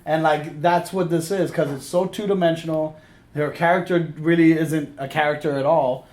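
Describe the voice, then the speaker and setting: Male review co-host, fairly high voice, emphatic and opinionated, casual and sweary, echoey room sound. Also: steady tone, normal speed, darkish tone. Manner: opinionated, emphatic, repeats himself. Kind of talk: casual film review chat with profanity.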